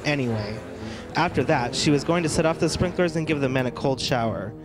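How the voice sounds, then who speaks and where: A man's voice: on the high side, expressive, a little fast, close to an everyday voice. A man playing a vain, catty drag queen, theatrical and self-dramatizing in a mock interview. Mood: dramatic, gossipy. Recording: music playing behind.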